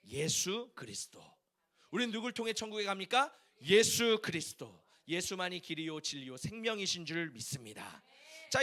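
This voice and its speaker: A man's voice: sits high, pushed and bright. A male pastor preaching a Sunday sermon in a church, asking the congregation questions as he goes. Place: church sanctuary.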